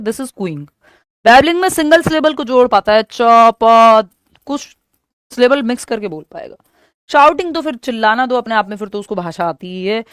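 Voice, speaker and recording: A woman with an Indian accent teaching an exam-prep lecture, explaining each answer step by step and reading English questions slowly. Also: on the high side, clean tone, no room sound, studio quality.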